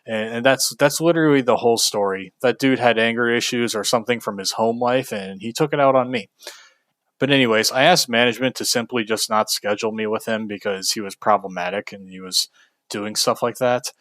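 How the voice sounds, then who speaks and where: A man's voice: mid-range voice, fairly quick, a bit bright, no room sound. A young man from Kentucky telling a frank, casual story about a bad job, venting with fillers and the odd curse. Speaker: video host.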